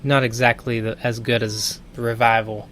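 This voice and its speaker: A man's voice: medium pitch, little pitch movement, normal speed, fairly bright tone. A young man co-hosting a wrestling podcast, talking with enthusiasm in casual chat. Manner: enthusiastic, picks match of the week. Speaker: podcast co-host.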